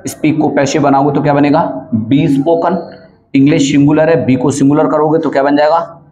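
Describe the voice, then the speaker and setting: A man's voice: a little high, level tone, brisk, warm tone, dull audio. A man teaching an English grammar lesson, explaining step by step and often asking checking questions.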